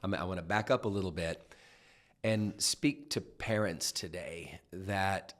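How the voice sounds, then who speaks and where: A man hosting a podcast interview, listening attentively with frequent affirmations, then framing a measured question. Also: sits low. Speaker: podcast host. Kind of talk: interview conversation.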